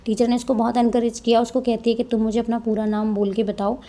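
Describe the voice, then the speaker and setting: A woman teaches a textbook chapter, reading each passage slowly before explaining it in a Hindi-mix. Her voice sits fairly high and sounds mellow and soft. She keeps checking in with her listeners through little tag questions. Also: flat delivery. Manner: reads English lines slowly, then explains in Hindi-English mix. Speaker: English teacher.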